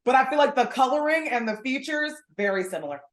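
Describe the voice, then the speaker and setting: A woman's voice: high-pitched, animated, fast, reverberant. A woman co-hosting a casual podcast, talking bluntly and animatedly and swearing freely. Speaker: podcast co-host. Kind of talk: casual chat.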